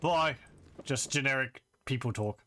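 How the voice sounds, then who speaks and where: Male game player, bright mid-range voice, casual muttered running commentary, some noise behind. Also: medium pitch, unhurried. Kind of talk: casual gameplay commentary, reading dialogue aloud.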